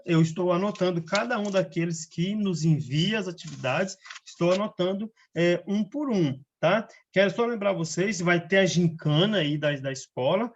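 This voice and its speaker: A man's voice: high voice, normal speed, hardly any pauses, lo-fi sound, a little hiss or hum. A man with a Brazilian Portuguese accent, a teacher going over the answers in a casual remote lesson and checking in with his students all the time. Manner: chatty, keeps checking in with tags like "né?" and "beleza?".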